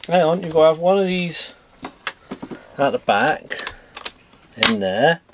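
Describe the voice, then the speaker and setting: A man's voice: a little high, expressive, slow pace. A man hosting a toy unboxing at a table indoors, bossy and teasing as he chats. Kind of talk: casual unboxing chat. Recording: noisy home camera recording.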